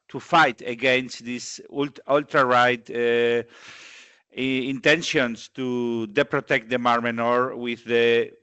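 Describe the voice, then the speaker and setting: Guy on a webinar, halting english, bright clean voice, dry sound. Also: mid-range voice, clean tone, dry recording. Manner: halting, searching for words, many repeats. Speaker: webinar speaker on a coastal lagoon's legal rights. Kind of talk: online webinar talk. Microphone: video call.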